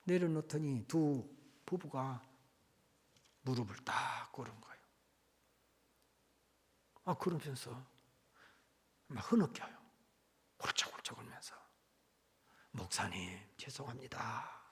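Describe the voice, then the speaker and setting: A man preaching as a pastor, telling a sermon story in an animated way that swings between loud and hushed. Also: medium pitch, slow pace, long pauses, husky. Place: church.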